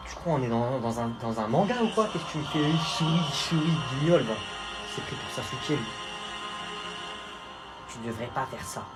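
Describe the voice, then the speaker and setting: A man's voice: medium pitch, moderate pace, long pauses, loud music behind the voice, voice pushed down, close to an everyday voice, rough recording. A man playing a cocky teenage guy who mocks and brags about fighting, in a comedy sketch. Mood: mocking. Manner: mocking, boastful, deadpan. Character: cocky teen boy bragging about fighting.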